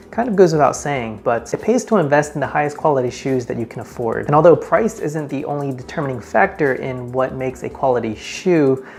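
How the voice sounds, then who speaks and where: A man's voice: medium pitch, vocal fry, darkish tone. Man, vlogger presenting tips, casual direct address, emphatic on key points, faint music behind. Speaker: men's style video host. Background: faint background music.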